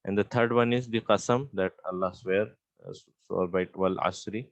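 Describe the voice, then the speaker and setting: A man teaching an Arabic grammar lesson, explaining step by step with frequent pauses and fillers and reciting Arabic phrases. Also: low-pitched, steady tone, vocal fry.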